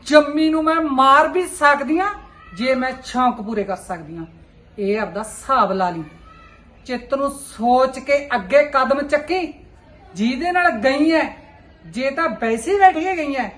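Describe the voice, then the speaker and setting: A woman playing a stern, anxious widowed mother with a Punjabi accent, tearful one moment and fiercely threatening the next. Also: fairly high pitch. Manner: emotional, swinging from tearful pleading to fierce threats. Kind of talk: short film drama acting.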